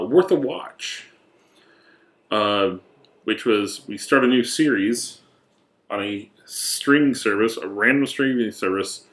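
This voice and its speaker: Chatting with a friend on the podcast he co-hosts, this man keeps the banter casual, jokey, and at times mock-dramatic. His voice is on the low side and a bit bright.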